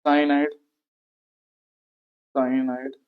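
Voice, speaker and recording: A man's voice: mid-range voice, level tone, very slow, phone-quality sound. A man teaching a chemistry lesson in Hindi at a board, repeating each term and asking and answering his own questions. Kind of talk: board lecture to students.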